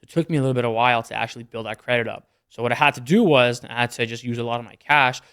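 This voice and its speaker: A young man from Canada, guesting on a podcast as an entrepreneur, casually and matter-of-factly lists his business numbers in an interview chat. His delivery is rapid-fire and steady, in a medium-pitched voice that is slightly bright and clean.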